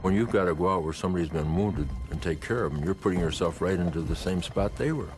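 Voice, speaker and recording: A man's voice: low voice, quick pace, noisy background. A man speaking earnestly and admiringly in an interview.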